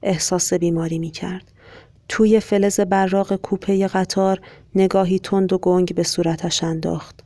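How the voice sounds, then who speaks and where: A podcast storyteller giving a measured, even reading of a short story. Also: mid-range voice, no echo. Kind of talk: scripted narration.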